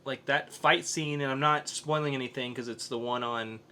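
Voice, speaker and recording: A podcast host with a bright, forward voice at an average male pitch chats casually about films in a review-style conversation. Opinionated, he likes explaining his reasoning, keeping a steady tone and moderate pace.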